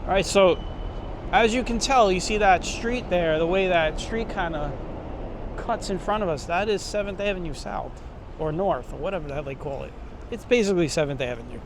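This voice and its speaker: Walking outdoors through city streets, a Brooklyn-born tour host keeps up informal, chatty commentary in his Brooklyn accent. His voice sits high and moves at a moderate pace, while street noise and passing vehicles fill the recording.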